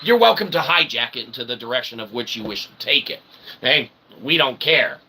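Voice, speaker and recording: This livestream host is a man with an expressive, medium-pitched voice, talking a little fast amid background noise. His improvised stream is a wordy, mock-formal, roundabout ramble to viewers, peppered with "okay" and "right" and theatrical, playful asides.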